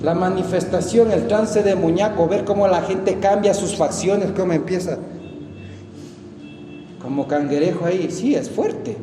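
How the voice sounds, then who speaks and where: A preacher with an Ecuadorian accent gives an emphatic sermon, swinging between loud outbursts and hushed asides. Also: male voice, sits high, unhurried. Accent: Ecuadorian Spanish. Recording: echoey hall with long reverb and faint noise.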